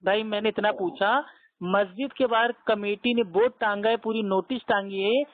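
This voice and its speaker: A man's voice: sits high, fairly even intonation, moderate pace, no echo. A man talks steadily through a tinny, phone-like line, his voice dry and close with no room around it. He argues his case patiently, stacking up simple everyday examples to make his point. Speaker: debater questioning the other caller. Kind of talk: religious debate over a phone call.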